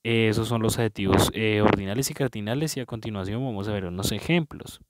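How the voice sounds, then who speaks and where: A man's voice: lowish voice, quick pace. A man, teaching a patient review lesson to young pupils and checking in often with "¿cierto?". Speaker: primary school teacher.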